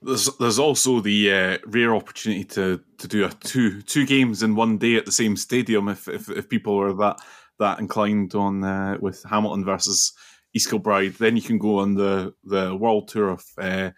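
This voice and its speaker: A man with a fairly low voice chats casually as a sports panellist. He is tentative and halting, feeling his way through each thought. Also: fairly even intonation, a bit bright. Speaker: football podcast panellist. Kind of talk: casual football chat.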